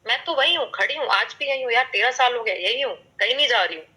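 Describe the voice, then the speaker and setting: A woman's voice: on the high side, expressive, quick pace, sharp tone, rough recording. A woman, probably in her thirties, giving a motivational talk at a business meeting. She mixes Hindi and English, asks the audience questions and uses sound words and vivid examples.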